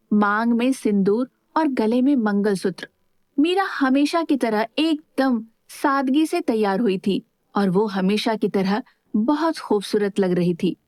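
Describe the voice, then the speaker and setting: A woman narrating a romance audio story in calm, even storytelling. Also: a little high, no echo, clean studio sound. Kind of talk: scripted narration.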